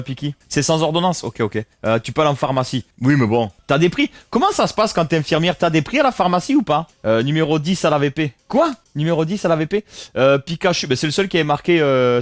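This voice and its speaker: A man's voice: on the high side, no room sound. A man chatting casually on a live stream, rambling and reading chat messages aloud. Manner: rambling, reads chat aloud, frequent fillers.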